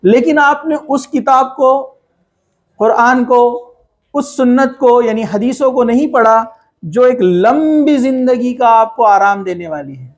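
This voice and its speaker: A man's voice: very high voice, lively intonation. A man giving a conversational religious talk, asking rhetorical questions and mixing in English words. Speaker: Islamic speaker.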